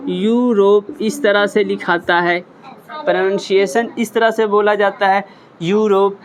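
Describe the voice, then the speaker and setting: Slow, patient male English teacher. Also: high voice, a little hiss or hum. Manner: slow, repeats words, asks and answers own questions; patient, encouraging learners. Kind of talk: whiteboard lesson explanation.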